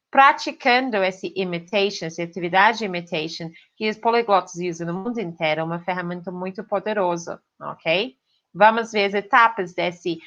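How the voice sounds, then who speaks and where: A woman's voice: mid-range voice, a bit bright, highs cut off. A woman with an English accent, a native English speaker, giving an online pronunciation lesson and checking in often with her students. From Britain. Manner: clear teaching tone with frequent "ok?" check-ins. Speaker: English teacher.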